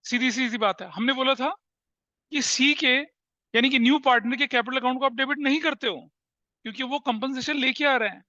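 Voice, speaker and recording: Speaking a little fast in a very high, sharp voice, this Indian-accented man gives a classroom lecture on accountancy. He works through it step by step with rhetorical questions and English terms mixed in, in a lo-fi recording without room sound.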